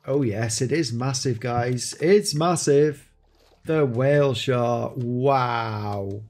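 A man's voice: mid-range voice, slow, a little mellow, faint music behind. A man hosting an enthusiastic gameplay showcase, exclaiming often as he shows off new creatures. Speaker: game showcase host. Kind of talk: excited gameplay commentary.

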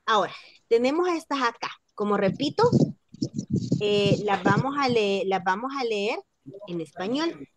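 Slow-speaking woman teaching French online. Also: medium pitch, animated. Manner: slow, repeats words to model pronunciation. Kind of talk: online class lesson.

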